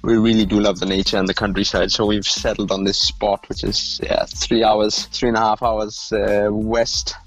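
A man's voice: on the low side, flat delivery, moderate pace, few pauses, soft background music, low-quality recording. A man whose first language is not English, a podcast guest chatting cheerfully with many hesitant fillers. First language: not English, living in Denmark. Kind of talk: casual interview chat.

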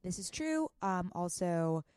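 A woman hosting a casual podcast. Her voice sits a little low for a woman. The recording is very dry, with hardly any room around her. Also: sing-song, takes it slowly, darkish tone, smooth, no room sound. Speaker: podcast co-host.

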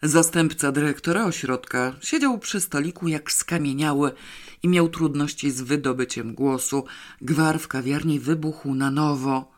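A man narrating a comic novel as an audiobook reader, in an even, measured way. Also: a little high.

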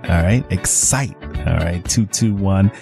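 A man hosting a live AM radio shopping show, delivering repetitive pitchman patter with drawn-out words. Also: gravelly, darkish tone. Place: small dry AM radio studio. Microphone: close studio microphone. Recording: music playing behind a dry studio voice.

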